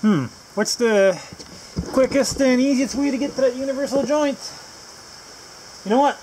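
A man's voice: extremely high pitch, moderate pace, slight background noise, rough recording. A man hosting a casual video while working on a vehicle at home, rambling with many filler words and dry, self-mocking humor. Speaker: host. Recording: crickets and insects chirping loudly behind.

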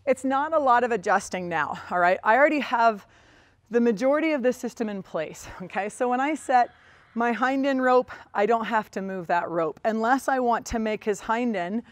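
A woman riding instructor teaching a lesson while lunging a horse, talking calmly and stopping often to praise the horse. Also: on the high side, moderate pace, no echo.

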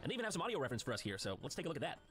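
Fast sarcastic man, lively high voice. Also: over loud music. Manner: sarcastic, mocking asides. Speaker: host reacting to video clips. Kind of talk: comedic commentary. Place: studio room with couch and brick wall.

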